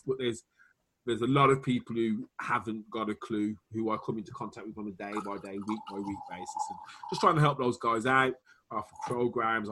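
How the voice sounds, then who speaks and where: A Welsh marketing consultant with a Welsh accent talks business on a casual video call, chatty, laughing often and tossing in punchy asides. His voice is lowish, with noise in the background.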